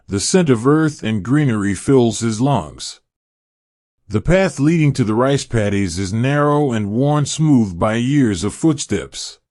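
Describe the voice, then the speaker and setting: A man narrating a scripted sleep story in a slow, soothing, meditative manner, taking his time over each phrase. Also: medium pitch, darkish tone, dry recording, clean studio sound. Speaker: narrator of a bedtime history story.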